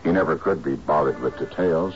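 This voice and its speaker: A muffled drama soundtrack with some noise carries a shrewd private detective. His voice is very deep, and he lays out his case drily, with deliberate sarcasm. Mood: sardonic, scornful. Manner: dry, deliberate, sardonic. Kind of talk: screen drama acting.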